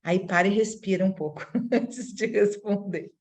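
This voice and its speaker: A woman's voice: medium pitch, normal speed, a little mellow. A woman hosting an interview, asking easy questions and giving short encouraging backchannels. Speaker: host. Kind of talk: casual interview talk.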